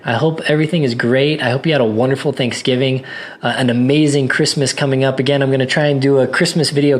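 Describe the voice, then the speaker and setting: A man talking casually to viewers in a tech review vlog, rambling with many restarts, his voice a little worn. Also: medium pitch.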